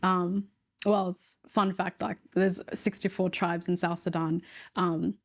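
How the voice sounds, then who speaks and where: Soft, even-voiced young woman. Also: lowish voice. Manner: reflective, measured storytelling. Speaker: interview guest. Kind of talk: casual interview.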